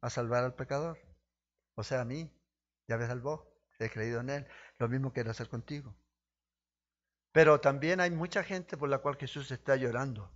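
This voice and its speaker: A male pastor delivers a sermon with impassioned emphasis, swinging from loud, high peaks down to low, quiet stretches. He speaks straight to his listeners with rhetorical questions. The recording is a little dull and lo-fi, in a mid-range voice. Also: moderate pace, long pauses. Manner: impassioned preaching, rising to emphatic peaks then dropping low.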